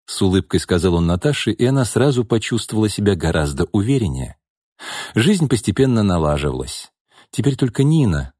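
A man reading a novel aloud as audiobook narrator, in a steady, even manner. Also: fairly low pitch, no echo, studio quality. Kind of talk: scripted narration.

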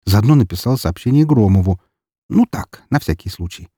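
A man's voice: lowish voice, animated, moderate pace, warm tone, breathy edge, dry recording. A man narrating a first-person audiobook in a dry, wry storytelling manner.

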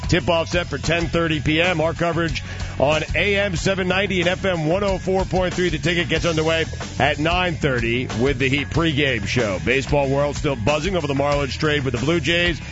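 Deadpan male sports anchor on AM radio. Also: a little high, fairly quick. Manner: dry, deadpan news delivery, pushes back calmly. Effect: AM radio broadcast sound. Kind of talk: radio sports flash reading. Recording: muffled AM radio broadcast with music underneath.

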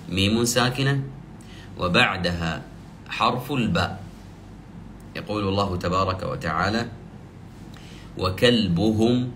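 A man teaching the rules of Quranic recitation, explaining step by step and slowly drawing out the example verses he recites. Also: deep voice, pushed and bright, slight background noise. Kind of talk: tajweed lesson.

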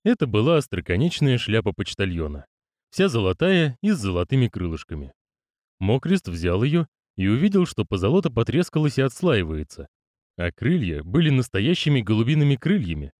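A man reading an audiobook as narrator, in an expressive, storytelling delivery. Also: medium pitch, a little fast, no room sound, clean studio sound. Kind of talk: scripted narration.

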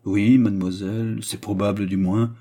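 A man playing a warm-hearted young workshop owner who speaks earnestly and kindly. His low, mellow tone carries a husky edge, in a storybook reading. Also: little pitch movement, moderate pace, lightly acted.

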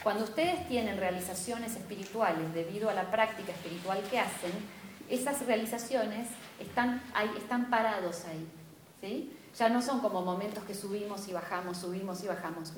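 A woman's voice: medium pitch, normal speed, a little hiss or hum. A woman with a Rioplatense Spanish accent giving a spiritual class lecture, engaging and often checking in with her students. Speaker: spiritual teacher. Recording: echoey room.

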